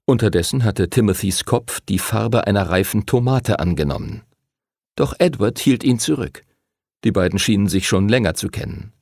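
A man narrating an audiobook in an expressive storytelling manner. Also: on the low side, moderate pace, creaky, no room sound, studio quality.

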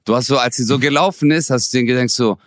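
Podcast co-host, a man in his forties from Germany who tells animated stories full of slang, close dry sound. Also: medium pitch, quick pace, no echo. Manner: animated, slangy, acts out quoted dialogue. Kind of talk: casual storytelling chat.

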